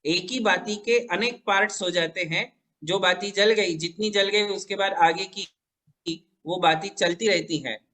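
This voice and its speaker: A man's voice: sits high, steady tone, a little slow, pushed and bright. A man, a Jain monk, answering devotees' questions in a patient, reassuring, explanatory way. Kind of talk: religious question-and-answer teaching.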